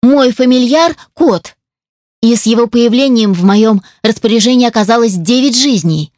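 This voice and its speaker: A woman reading a first-person fantasy audiobook aloud in a firm, steady storytelling voice, recorded on a close studio mic. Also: a little high, moderate pace, dry recording. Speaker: audiobook reader.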